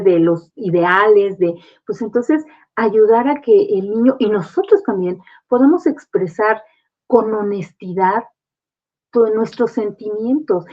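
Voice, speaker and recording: Woman explaining with earnest reassurance. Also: mid-range voice. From Mexico. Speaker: guest grief specialist. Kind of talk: conversational advice on a talk program. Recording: muffled lo-fi sound.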